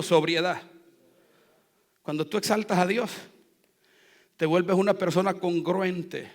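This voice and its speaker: A man preaching a sermon as pastor, leading the congregation in call-and-response and swinging between quiet asides and loud, fervent exhortation. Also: high-pitched. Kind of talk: Spanish-language church sermon. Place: church sanctuary. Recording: long reverb of a church hall.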